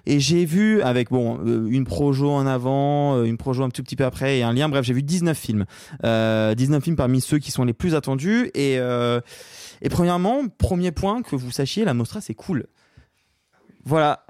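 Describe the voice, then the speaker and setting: A man's voice: medium pitch, expressive, moderate pace, darkish tone, clear, resonant tone, no room sound, clean studio sound. A young man, a film critic on a podcast panel, telling a story in a chatty, jokey way. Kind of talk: casual film chat.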